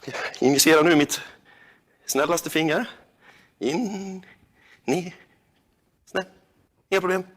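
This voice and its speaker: A man's voice: on the high side, pauses often, a bit bright. A young man talking nervously to himself, muttering, swearing and yelping in disgust during a challenge. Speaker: reality show contestant.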